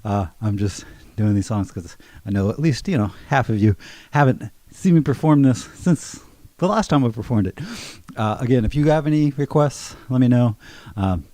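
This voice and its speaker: A man's voice: mid-range voice, lively intonation, moderate pace, dark tone, no echo. A man musician chatting casually between songs on a live stream, easygoing and rambling with a self-amused tone.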